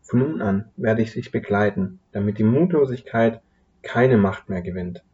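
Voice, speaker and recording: A man voicing a gentle, cheerful little old woman who personifies Hope, speaking softly and kindly in a slightly muffled recording. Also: on the low side, expressive, moderate pace, close to an everyday voice.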